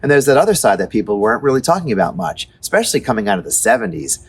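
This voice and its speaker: A man's voice: fairly low pitch, very animated, rapid-fire. A middle-aged man hosting a casual music chat, rambling and enthusiastic with lots of fillers, on a street at night. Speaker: show host.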